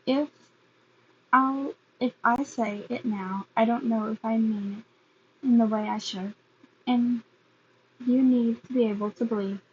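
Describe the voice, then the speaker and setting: A woman voicing a gruff, hot-tempered teenage boy in a fan fiction reading. She speaks haltingly and restarts her phrases often. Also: on the high side, steady tone, a little mellow, muffled recording, a little hiss or hum, natural voice. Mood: earnest.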